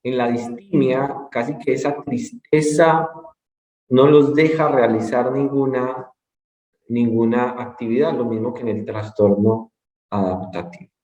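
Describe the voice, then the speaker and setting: Calm man lecturing in a roomy space. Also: medium pitch, a little slow, highs cut off. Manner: calm, explanatory, repeats key points. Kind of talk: conference lecture. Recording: roomy echo.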